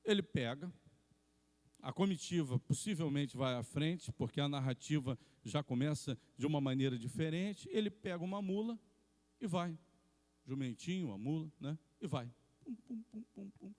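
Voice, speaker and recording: A man preaching, telling the story in an animated way and acting out the scenes. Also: fairly high pitch, moderate pace. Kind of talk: sermon. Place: church hall. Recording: long reverb in a church hall.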